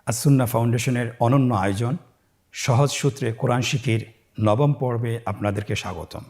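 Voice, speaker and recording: A man teaching a Quran lesson, patient and encouraging, drawing out syllables slowly as he sounds out letters for learners to repeat. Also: medium pitch, a little mellow. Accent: Bangladeshi Bengali. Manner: slow drawn-out syllables when sounding out letters. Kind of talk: step-by-step lesson, learners repeat after him. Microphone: facing the camera on screen.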